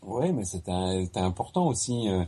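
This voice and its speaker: A man from France talking in a casual, conversational way, as in a relaxed chat with someone he knows. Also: low voice, moderate pace, breathy edge.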